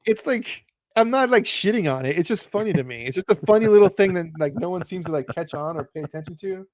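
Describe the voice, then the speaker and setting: A man's voice: sits high, lively intonation, fast talker, dry recording, studio quality. A man co-hosting a casual toy live stream, rambling and laughing often as he chats. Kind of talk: casual chat.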